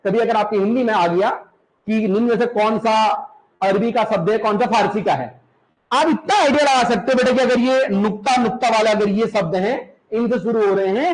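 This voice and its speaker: Heard through a rough recording, a male teacher with a voice that sits high lectures his class. He comes from the Uttarakhand hills, repeats words slowly for students to copy, and often checks whether they've understood.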